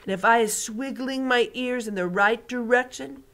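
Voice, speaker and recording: Woman reading as a big kindly giant, booming and earnest, odd grammar, storybook voice. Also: moderate pace. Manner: loud, earnest, mangled grammar.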